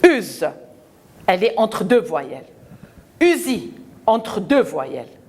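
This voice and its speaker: A woman teacher walks young pupils through a French lesson at an unhurried pace. Her pitch rises and falls in a lively sing-song, and she stretches and repeats each word and sound for the children. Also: slightly rough. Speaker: primary school teacher.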